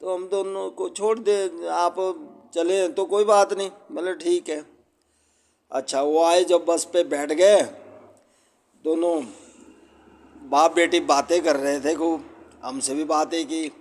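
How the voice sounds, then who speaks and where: An older man from Punjab tells a personal story in a slow, heartfelt, folksy way. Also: on the high side, fairly even intonation, darkish tone.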